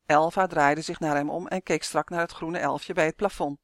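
A woman's voice: sits low, no room sound, studio quality. Woman reading a children's story aloud. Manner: measured, expressive storytelling. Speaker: narrator. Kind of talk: audiobook narration of a children's story.

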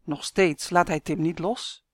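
A woman author reads her own children's story aloud in a clear, expressive storytelling voice. Her voice sits fairly low, and the recording is close and dry. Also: a little slow, no room sound.

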